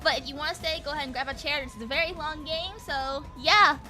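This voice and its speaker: A woman's voice: sits high, fast, sharp tone, soft background music. A woman VTuber with a cute, bubbly anime streamer voice, chatting sweetly and politely on a live game stream.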